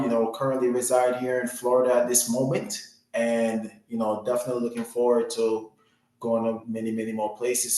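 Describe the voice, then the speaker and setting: A man's voice: mid-range voice, very echoey, poor audio. A man from Jamaica giving an earnest, motivational financial education talk, with many "you know" fillers. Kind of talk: webinar-style presentation.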